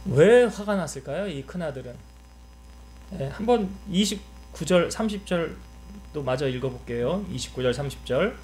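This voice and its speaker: A man's voice: on the high side, expressive, moderate pace, a little mellow. A male pastor giving a sermon, putting rhetorical questions to his congregation and pressing his points with emphatic rises.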